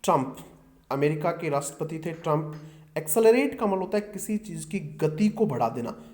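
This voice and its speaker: A man's voice: a little high, lively intonation, moderate pace, darkish tone. A middle-aged man teaching exam vocabulary, often asking his students a question and then answering it himself. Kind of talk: exam-prep vocabulary lesson.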